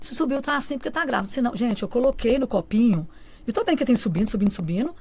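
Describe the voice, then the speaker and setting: A woman's voice: fairly high pitch, rapid-fire. A woman telling an emotional personal testimony on a radio show, animatedly acting out what family and friends said. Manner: animated, often acts out the quoted lines of family and friends. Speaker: guest giving a testimony. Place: radio studio.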